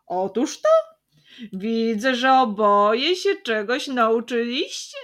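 A woman voicing an elegant magical lady who speaks in a measured, authoritative yet kindly way. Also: a little high, lively intonation, a bit bright.

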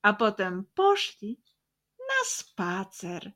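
Slow, bright-voiced woman telling a fairy tale. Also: medium pitch. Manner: lively, expressive. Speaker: storyteller. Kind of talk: children's story narration.

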